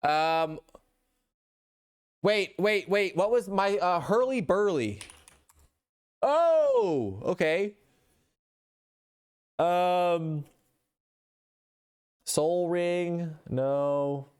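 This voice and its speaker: A man's voice: high voice, very slow, pauses often, clean tone. A man streaming live, chatting casually with his chat in a rambling way and reading posts aloud.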